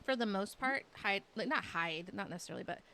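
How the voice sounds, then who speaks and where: Brisk and animated, a young woman from Texas with a light accent chats with her livestream viewers in a medium-pitched voice with a sharp edge. She rambles along casually, using "like" again and again.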